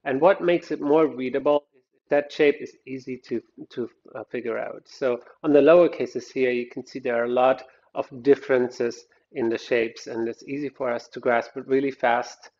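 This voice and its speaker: A man's voice: medium pitch, steady tone, moderate pace, darkish tone. A man gives a design lecture, walking through slides in a plain mid-range voice. He explains as he goes, often stopping to restart a sentence. The recording sounds dull and lo-fi. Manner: explanatory, thinks aloud with frequent restarts. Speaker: design instructor.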